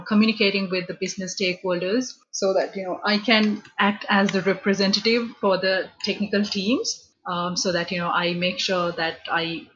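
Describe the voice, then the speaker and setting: A woman from Sri Lanka talks through her working life as an interview guest, pausing on fillers and restarting sentences as she thinks. The sound is a little dull, with a faint hiss underneath. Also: medium pitch, a bit bright. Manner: thoughtful, many fillers and restarts. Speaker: interview guest, business analyst. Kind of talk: conversational interview answers.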